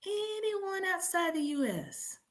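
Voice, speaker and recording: In a very high voice and an unhurried manner, a woman runs a live quiz read aloud for children. She encourages them with animated energy, repeating questions and calling out to participants.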